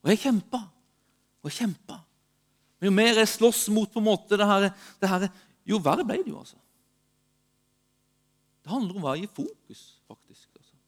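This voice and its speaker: A man giving a sermon with personal testimony, moving between urgent emphasis and hushed, slow passages. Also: sits high, expressive. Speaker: preacher.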